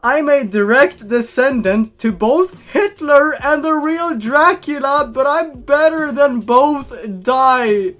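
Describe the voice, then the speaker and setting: A man's voice: very high-pitched, takes it slowly, few pauses, a bit bright, voice pushed up, full character voice. A man voicing a crazed, cackling teenage boy gamer who turns out to be a villain, boasting in a shrieking, manic way. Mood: manic gloating.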